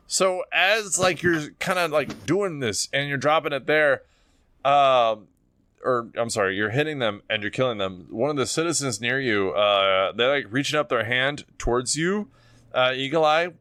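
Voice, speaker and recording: A man's voice: mid-range voice, pushed and bright, no echo. A man running a tabletop game as game master, narrating in a casual, rambling, sweary way.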